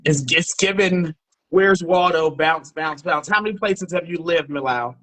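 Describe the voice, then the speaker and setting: Bright high-voiced teasing male host. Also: rough recording. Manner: playful, teasing, quick banter. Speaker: dating show host. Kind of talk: casual live-stream chat.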